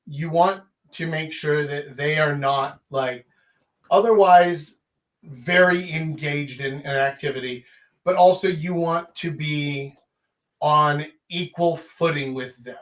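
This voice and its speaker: A man with a somewhat high voice hosts a live coaching session. He talks informally and emphatically, often checking that the listener follows. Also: slow pace. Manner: emphatic, checks in with "right?", casual swearing. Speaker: host, dating and life coach.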